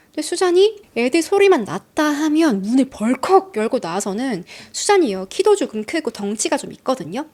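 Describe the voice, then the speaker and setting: A woman tells a true-crime story in a chatty, lively way, speaking straight to her listeners. Her voice sits high and swings up and down with animated emphasis. She keeps an easy, conversational storytelling flow.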